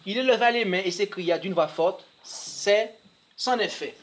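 Interpreter at a sermon, mid pitch, reads quotes out, trips on words now and then. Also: measured pace. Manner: reads quoted passages aloud, restarts words.

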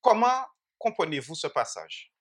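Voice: mid-range voice, very animated, unhurried. A Bible teacher giving an interactive sermon, who keeps asking the audience questions and repeats phrases with frequent restarts.

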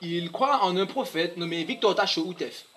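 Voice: medium pitch, moderate pace, a bit bright. An interpreter translating a sermon phrase by phrase and reading quoted passages aloud, sometimes restarting words.

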